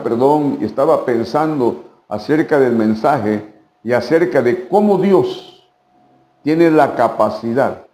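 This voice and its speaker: A man's voice: mid-range voice, mellow, roomy sound. A man with a Mexican Spanish accent preaching a midweek sermon as pastor, asking rhetorical questions and repeating phrases for emphasis.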